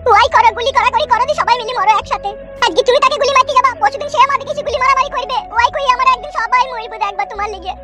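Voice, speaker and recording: A woman's voice: extremely high pitch, very fast, hardly any pauses, over loud music, pitched above the performer's own voice. A woman voicing a nagging older mother in a comedy cartoon. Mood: scolding. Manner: nagging, scolding. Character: scolding older village mother.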